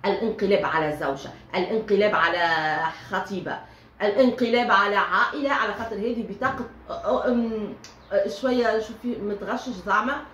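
A woman's voice: medium pitch, brisk, a bit bright. A woman with a Tunisian accent giving a chatty tarot reading, talking straight to her listeners with many fillers. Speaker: tarot reader. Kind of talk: casual tarot reading monologue. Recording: echoey room with faint ambient noise.

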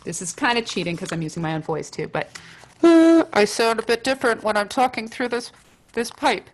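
A woman's voice: a little high, lively intonation, a little fast, low-quality recording. Woman talking through a pipe. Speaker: sound art teacher hosting a show. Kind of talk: casual explanatory demo.

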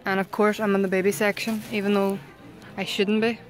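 A woman's voice: medium pitch, flat delivery, fairly quick, soft background music. A young woman chatting casually to camera as a vlogger, talking to her baby and pets and swearing offhandedly. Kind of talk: casual vlog chat. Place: home and then out in town.

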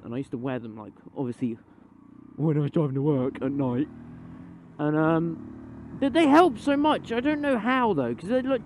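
A young man chatting casually while riding a motorbike at night, rambling with fillers and casual swearing. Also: sits high. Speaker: motovlogger. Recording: road and engine noise behind.

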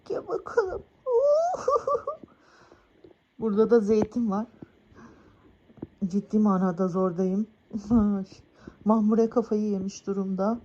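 Vlogging casually from a village house, a woman calls and coos to her cats in a high, excited voice, laughing often. She speaks slowly with frequent pauses. The audio is dull, with a little hiss or hum.

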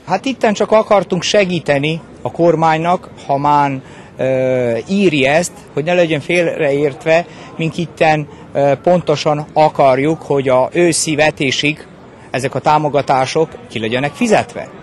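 A man, a protesting farmer talking in a street interview with many fillers and pauses. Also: fairly high pitch. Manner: halting, dialectal speech with many fillers.

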